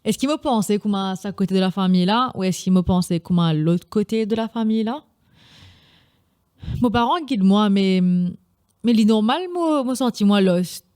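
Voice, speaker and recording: A woman's voice: medium pitch, normal speed, a little mellow, smooth. A young woman with a Mauritian Creole accent hosting a casual solo podcast, chatty and often slipping in English phrases. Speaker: podcast host.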